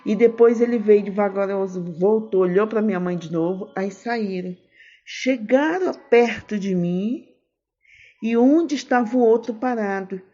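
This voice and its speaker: Woman preacher, fervent testimony, mellow voice, muffled recording with soft music under it. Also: unhurried. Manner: fervent, repeats phrases, voice climbs high when moved. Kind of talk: emotional testimony and sermon. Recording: dull lo-fi recording with faint music.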